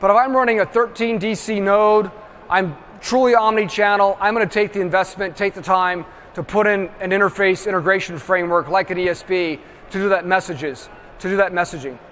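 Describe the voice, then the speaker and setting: A man giving an emphatic trade-show presentation, tagging his points with quick check-ins to the audience. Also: sits high, steady tone, a bit bright, a little hiss or hum. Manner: emphatic, constantly checks in with "right?". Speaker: industry presenter. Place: large trade-show hall. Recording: reverberant hall with faint ambience.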